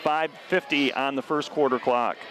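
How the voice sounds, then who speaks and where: A man calling a local high school football game play-by-play as the regular announcer. He talks steadily and climbs sharply on scoring plays. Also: steady tone, normal speed, crowd noise, background noise.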